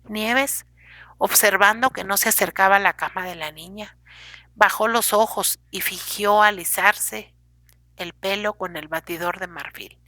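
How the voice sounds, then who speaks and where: A woman reading a novel aloud in measured storybook narration. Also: mid-range voice, pushed and bright, no room sound. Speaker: audiobook narrator. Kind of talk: scripted narration.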